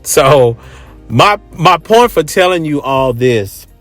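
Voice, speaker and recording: An American man hosts a casual, opinionated monologue, blunt and emphatic, swearing and repeating phrases. His voice is a little high, animated, slow, and a bit bright on a close microphone, with faint music behind.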